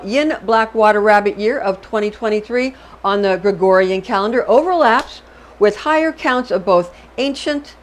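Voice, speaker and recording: A woman hosting an astrology channel, giving a chatty, digressive lecture and often checking in with the listener. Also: on the high side.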